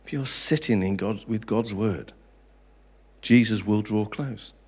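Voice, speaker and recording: A man's voice: on the low side, measured pace, a little mellow, breathy edge. A man, preaching a sermon earnestly, stretching out the key words. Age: 30s. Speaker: pastor.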